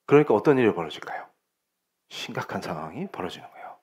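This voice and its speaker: A middle-aged man from Seoul preaching a sermon as pastor, asking rhetorical questions and swinging between loud bursts and quiet asides. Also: lowish voice, sing-song, fast talker, husky. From Seoul, South Korea.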